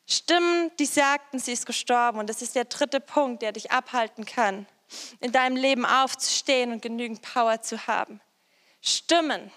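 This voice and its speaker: A woman's voice: a little high, fairly bright tone, in a large hall. A woman preaching a sermon, speaking directly to her listeners and driving her points home with repeated phrases. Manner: direct, repeats phrases, addresses listeners with "hey, weißt du was".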